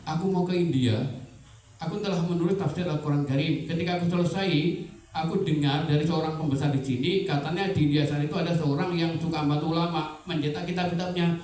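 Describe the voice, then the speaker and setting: A man's voice: fairly high pitch, fairly even intonation, fast, a little mellow. A man preaching a sermon, telling a story and often turning to address the audience. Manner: storytelling with frequent asides to the audience. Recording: echoey hall, voice from a distance.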